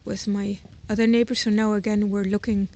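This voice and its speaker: Filmed on a phone or handheld camera while she walks, a woman tours her own garden plot outdoors, thinking aloud informally and hesitantly without a script. Her medium-pitched voice is level, fairly quick, and mellow, with the highs cut off, amid noisy ambient sound.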